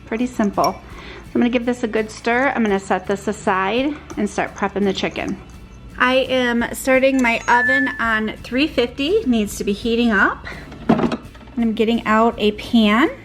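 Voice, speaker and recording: A woman's voice: fairly high pitch, moderate pace, over music. A woman narrating a casual shopping and cooking vlog in a chatty, upbeat way, thinking aloud as she goes. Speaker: home cook and shopping vlogger.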